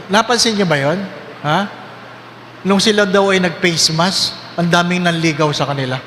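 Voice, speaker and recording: Lively priest preaching in echoing hall. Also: male voice, sits high, background noise. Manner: lively, questioning the congregation, joking. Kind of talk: sermon. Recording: echoey hall with faint ambience.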